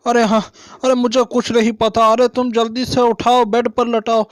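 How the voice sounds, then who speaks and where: A man's voice: extremely high pitch, little pitch movement, normal speed, no echo, studio quality. A man playing a worried village father in a doll story, exclaiming often.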